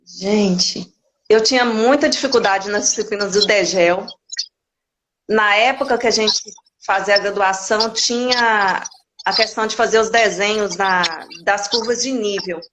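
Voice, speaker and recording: A woman's voice: mid-range voice, measured pace, a bit bright, a little hiss or hum. A woman in her forties from Minas Gerais, a guest chatting candidly in an interview, often restarting her sentences. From Minas Gerais, Brazil. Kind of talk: casual interview chat.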